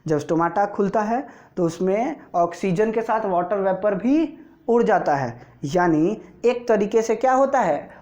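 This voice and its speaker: A male teacher with an Indian accent, giving a slow board lesson to school students and checking often that they follow. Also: sits high, animated, a little mellow, highs cut off. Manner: explains slowly, drawing as he speaks, keeps checking understanding.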